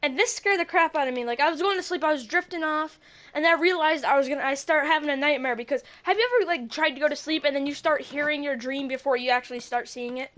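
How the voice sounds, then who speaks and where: A young woman co-hosting a casual podcast tells a spooky story in a high-pitched voice at a quick pace. She's animated, acting out the quotes with yelps.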